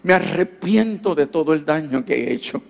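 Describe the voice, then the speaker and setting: A man voicing his remorseful father, who speaks in a slow, grave and tender way as he apologizes to his son. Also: fairly high pitch, lively intonation, gravelly, in a large hall.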